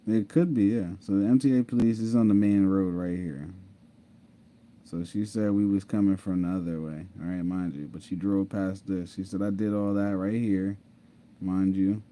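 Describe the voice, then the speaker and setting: A man's voice: deep voice, fairly even intonation, normal speed, mellow. A man casually telling his own story to viewers, repeating himself, laughing and saying "mind you". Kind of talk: casual storytelling over screen share.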